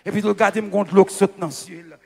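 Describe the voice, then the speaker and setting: A male preacher with a Haitian Creole accent giving a testimony sermon, mixing French and Creole, swinging between loud shouts and soft murmurs. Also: high voice, fairly even intonation, fast talker, gravelly. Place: church. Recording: reverberant church hall with congregation.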